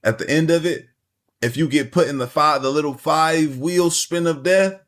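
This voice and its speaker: A man's voice: fairly high pitch, normal speed, a bit bright. A man streaming and reacting to a video, talking in a loose, rambling, slang-heavy casual way. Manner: slangy, loose and rambling, lots of "you feel me". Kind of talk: casual chat.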